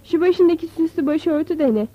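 Scornful landowner from a storybook, voiced by a woman: mocking, haughty, raised and high. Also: quick pace, dry recording. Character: scornful rich middle-aged landowner man. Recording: dull, slightly lo-fi.

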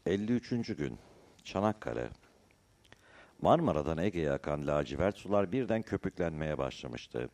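A man narrates a novel in a measured storytelling manner. His voice is very low and dark in tone, yet it rises and falls expressively as he reads. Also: big pitch swings. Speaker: audiobook narrator.

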